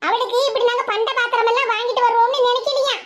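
A woman's voice: very high-pitched, steady tone, background noise. Woman voicing a fiery old village mother. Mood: angry. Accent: Tirunelveli Tamil. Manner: sharp, scolding, rapid-fire complaints. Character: fiery older village mother, scolding her daughter.

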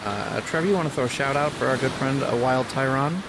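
A man's voice: medium pitch, fast, creaky. A man hosting a casual gaming stream, joking with friends and greeting chat viewers. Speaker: streamer host. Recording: noisy stream mix.

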